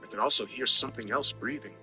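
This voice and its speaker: A man's voice: mid-range voice, fast talker, bright, forceful tone, faint music behind, poor audio. A man narrating a scripted first-person story in a wry, conversational way.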